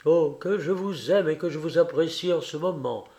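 A man's voice: fairly high pitch, moderate pace, a little mellow, natural voice. A man reading aloud as an eager, proud teenage boy who speaks in fervent, rising outbursts.

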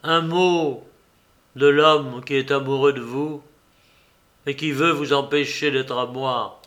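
A man's voice: medium pitch, steady tone, slow, a bit bright. A man voicing a devoted, frightened young woman engaged to be married in an audiobook, with earnest, imploring delivery. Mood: indignant.

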